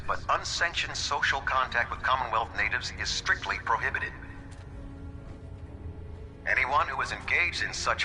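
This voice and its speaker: An actor playing a stern male military officer, giving a clipped, formal announcement over a ship-wide loudspeaker. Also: mid-range voice.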